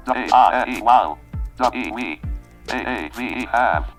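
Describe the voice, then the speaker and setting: A robotic synthesized male screen-reader voice, clipped and flat, spelling out typed letters one by one. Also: mid-range voice. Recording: distant computer speaker, faint music behind.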